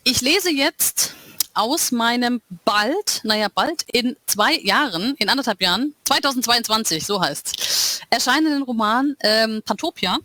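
A woman's voice: a little high, lively intonation, a little slow, bright, forceful tone, no echo. A woman author reading from her own novel and chatting casually with listeners in between.

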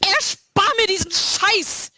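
A woman's voice: high-pitched, sing-song, brisk, dry recording, pitched above the performer's own voice, exaggerated voice. A woman voicing a furious, defiant young woman. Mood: angry defiant. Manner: raised, sharp outbursts. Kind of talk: dramatic reading of a novel.

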